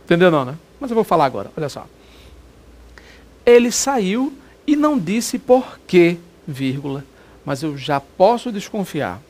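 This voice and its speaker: A Brazilian man with a fairly high-pitched voice teaches Portuguese grammar in a video lesson for exam prep. He is chatty, repeats his examples, and checks that students are following along.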